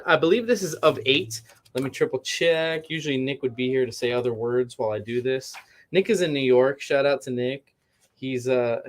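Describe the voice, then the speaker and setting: A man's voice: fairly high pitch, a bit bright. A man hosting a shop livestream, informally rambling to viewers as he shows products in a casual chat. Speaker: comic shop livestream host.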